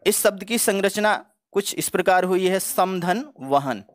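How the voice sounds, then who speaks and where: A man's voice: high-pitched, measured pace, no room sound. A man teaching Hindi spelling for exam preparation, going word by word in a methodical, explanatory way. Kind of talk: exam-prep spelling lesson.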